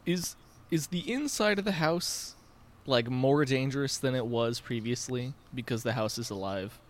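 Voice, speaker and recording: A man's voice: mid-range voice, normal speed. A man playing a tabletop game, inquisitive and wry. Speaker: player.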